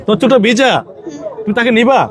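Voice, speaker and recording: Guy street interviewer, high voice, firing questions super fast, crowd behind him. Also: steady tone. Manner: repeats questions insistently. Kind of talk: casual on-location interview. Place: outdoors in a public park.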